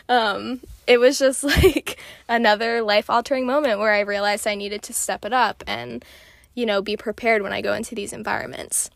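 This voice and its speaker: A woman's voice: medium pitch, gravelly, no echo, clean studio sound. A woman in her twenties casually telling stories, chatty and full of "like" fillers. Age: 20s. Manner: chatty, filler-heavy with frequent "like". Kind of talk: casual storytelling.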